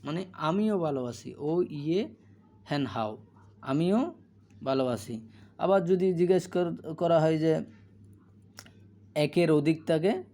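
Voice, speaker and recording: Slow, gravelly-voiced male language teacher. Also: a little high, dark tone. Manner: repeats phrases slowly for learners. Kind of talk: slow explanatory language lesson.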